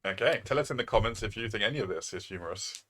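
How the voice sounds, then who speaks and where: A man's voice: on the low side, animated, fast talker, sharp tone. A man co-hosting a casual podcast, laughing often and tossing in dry quips. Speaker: podcast co-host. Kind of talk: casual banter.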